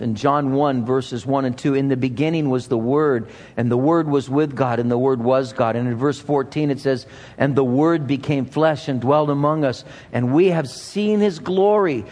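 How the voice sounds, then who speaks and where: A man's voice: on the high side, darkish tone. A man preaching a sermon as a pastor, speaking earnestly and repeating phrases for emphasis. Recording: reverberant large hall.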